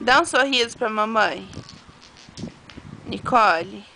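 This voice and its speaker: A woman's voice: on the high side, slow pace, vocal fry, sharp tone, a little hiss or hum. A woman with a Brazilian Portuguese accent, a mother using coaxing, sing-song baby talk with her toddler.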